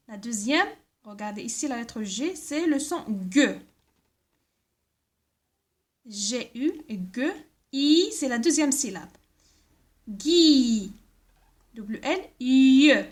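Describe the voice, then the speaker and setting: A woman teaching a primary school class, reading instructions and spelling out letters and sounds, often checking with "d'accord?". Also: high voice. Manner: slow, careful, repeats words and letters, frequent "d'accord?".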